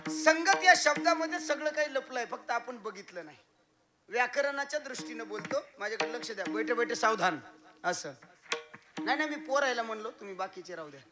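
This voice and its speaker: A man giving a humorous devotional kirtan sermon, asking his listeners questions as he teaches. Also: extremely high pitch. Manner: lively teacherly, asks audience questions often; humorous, playful asides. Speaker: kirtan preacher.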